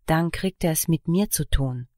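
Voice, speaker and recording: A bossy, sly sister, read by a woman narrator, stern and protective. Her voice sits low, recorded dry and close. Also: normal speed, a little mellow, dry recording, lightly acted. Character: bossy, sly younger sister who always wins.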